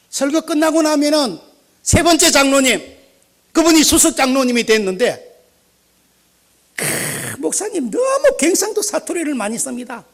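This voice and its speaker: An older retired pastor with a Gyeongsang accent, telling stories in a sermon with animated shifts between loud and quiet. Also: male voice, extremely high pitch. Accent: Gyeongsang Korean. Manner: animated, anecdotal, swinging between loud and soft. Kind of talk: storytelling sermon.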